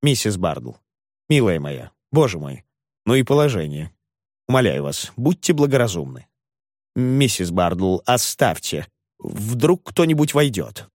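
A man doing a flustered elderly gentleman. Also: fairly low pitch, very animated, a little slow, no echo, clean studio sound. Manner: genteel, flustered pleading.

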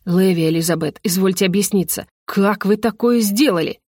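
A composed, aristocratic young count, put on by a woman reading aloud, giving curt, formal orders in a measured way. The voice stays close and dry, with no room sound behind it. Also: high voice, a little mellow, dry recording. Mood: stern.

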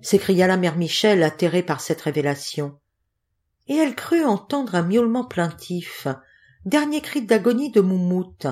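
Woman narrating a storybook, lively melody. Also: on the low side. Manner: expressive, measured. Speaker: audiobook reader.

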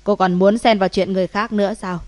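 A woman's voice: medium pitch, steady tone, fast, a little mellow, no room sound, natural voice. Woman doing a cold, mocking tough guy. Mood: cold taunt. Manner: cold, clipped, taunting. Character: cold menacing young man, mocking.

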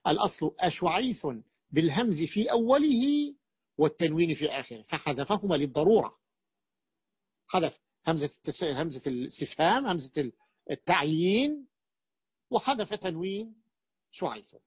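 Man lecturing on grammar, high husky voice, deliberate and repetitive, dull dry recording. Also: expressive, no echo. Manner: slow, repeats points, many fillers and restarts. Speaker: sheikh teaching Arabic grammar. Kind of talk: classroom lecture.

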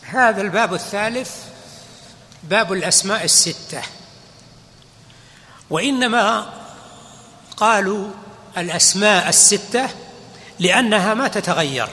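A man's voice: high-pitched, lively intonation, normal speed, pauses often, bright, forceful tone, slight background noise. A man teaching grammar as a sheikh, explaining step by step and quizzing his listeners. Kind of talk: classroom explanation. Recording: long hall reverb.

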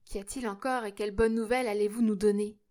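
A woman reading the part of a kind young man, speaking gently and encouragingly. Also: medium pitch, fairly even intonation, quick pace, natural voice. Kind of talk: audiobook character reading.

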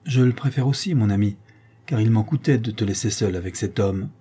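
A man voicing a compassionate wealthy wife in a read-aloud novel, speaking softly and anxiously. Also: on the low side, a little fast, breathy edge.

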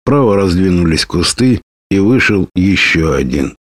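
Low-voiced male audiobook narrator. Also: sing-song, a little slow.

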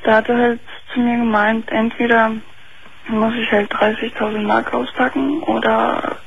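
A young woman in her twenties on a call-in line, her voice coming through faint and thin like a distant telephone. She talks hesitantly, with a gravelly, fry-laden tone held to a flat, narrow pitch. The line is muffled and carries a faint hiss. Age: 20s. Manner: hesitant, halting, many fillers. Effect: faint, thin phone-line sound. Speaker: caller. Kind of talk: call-in radio talk.

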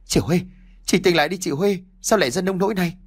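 A woman's voice: on the low side, fast talker, voice pushed up, natural voice. A man reading a storybook who voices a fierce young village woman, talking with raised, emotional outbursts. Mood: anguished.

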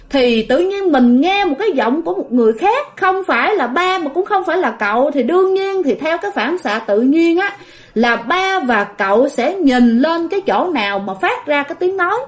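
A woman with a voice on the high side tells a ghost story in a chatty manner, speaking directly to her listeners.

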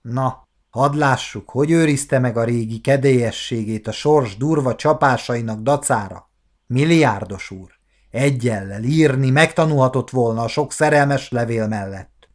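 A man voicing a teasing, sarcastic young wife in a storybook reading, with a mocking, drawn-out delivery. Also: mid-range voice, lightly acted.

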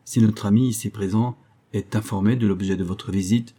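A man reading aloud and voicing a reserved young clergyman who speaks coldly and formally, in a husky voice. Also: fairly low pitch, fairly even intonation, normal speed, warm tone. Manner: cold, formal.

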